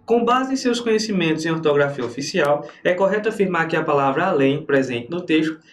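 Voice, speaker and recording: A man's voice: on the high side, fairly quick, reverberant, slight background noise. A Brazilian man teaching grammar for exam prep, who keeps answering his own students' questions. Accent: Brazilian Portuguese. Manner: lively, talks to himself as the student.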